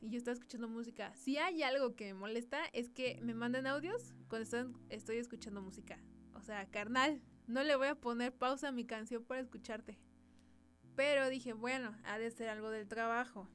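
Young Mexican woman, podcast host, exasperated and slangy storyteller, fairly high voice, faint music behind. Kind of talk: casual storytelling monologue.

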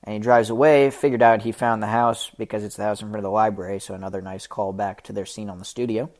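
Man, lowish voice, casual film commentary, chatty, filler-heavy. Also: little pitch movement, a little mellow. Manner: chatty, loose, lots of fillers and quick paraphrased quotes.

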